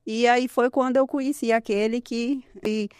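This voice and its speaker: A woman's voice: a little high, steady tone, normal speed, clear, resonant tone, no echo, studio quality. A woman in her thirties telling her personal testimony in an interview, earnest and conversational, often ending phrases with a questioning tag. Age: 30s. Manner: earnest, tells her story with frequent "né?" and soft laughs. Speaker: guest giving a testimony.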